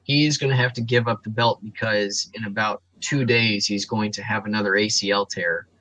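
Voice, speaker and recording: A man's voice: on the low side, steady tone, normal speed, bright, forceful tone, dry recording, low-quality recording. A man co-hosting a casual sports podcast, breaking down fighters and records in detail with frequent ums and restarts. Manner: analytical, reels off stats with frequent ums.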